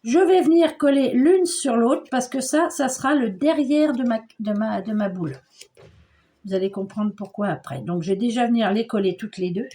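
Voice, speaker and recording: A woman's voice: on the high side, moderate pace, warm tone. An older woman chatting her way through a homely crafting tutorial, describing each step as she works. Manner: chatty, homely, narrates her hands at work. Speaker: scrapbooking crafter.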